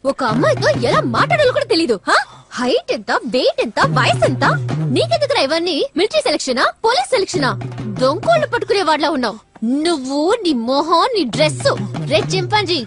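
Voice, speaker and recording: An actress playing a fiery young woman who scolds a man loudly in a dubbed film comedy. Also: very high-pitched, sing-song, quick pace, over music. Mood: angry. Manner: loud, scolding. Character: fiery young woman hitting back at an insult.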